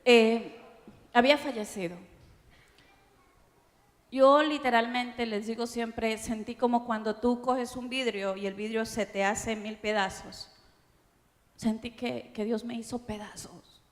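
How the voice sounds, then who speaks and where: A middle-aged woman pastor with an Ecuadorian accent, preaching an emotional testimony that swings from hushed to loud. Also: a little high, steady tone. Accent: Ecuadorian Spanish. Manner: emotional, slow, dramatic shifts from hushed to loud. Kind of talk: sermon testimony. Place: conference auditorium. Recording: long hall reverb.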